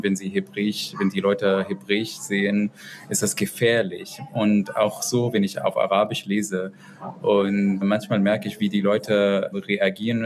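A man from Israel answering interview questions in non-native German, often searching for words and correcting himself. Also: lowish voice. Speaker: interview guest. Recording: audible background noise.

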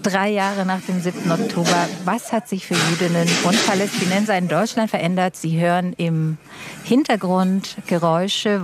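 A woman radio host asking composed, brisk questions and moderating an interview in a studio. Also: lowish voice.

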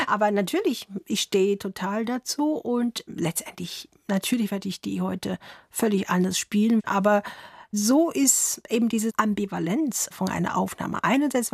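A medium-pitched woman, a violinist in her 30s, gives thoughtful answers in a radio studio interview. She laughs gently and makes minor grammar mistakes, and the studio-quality recording has no echo.

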